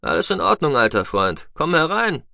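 A man's voice: fairly high pitch, big pitch swings, moderate pace, creaky, pushed and bright, dry recording, clean studio sound, voice pushed up, full character voice. A man voicing a wary, firm male commander for an audiobook. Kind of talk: audiobook reading.

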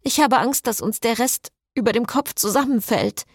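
Audiobook cast note: worried fretful woman, read by a woman, high-pitched, lively. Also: normal speed, husky, no echo, studio quality. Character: anxious worried young woman.

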